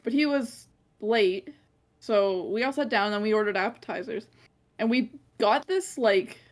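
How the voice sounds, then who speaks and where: A woman's voice: fairly high pitch, measured pace. A woman co-hosting a casual podcast, telling a funny story with frequent laughs. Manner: animated storyteller, laughs often. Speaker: podcast co-host. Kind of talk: casual chat.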